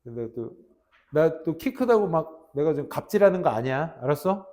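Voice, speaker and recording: A man in his thirties, a teacher telling a class a story in a casual, animated way and acting out shouted army roll calls. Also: a little high, moderate pace. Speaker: English teacher.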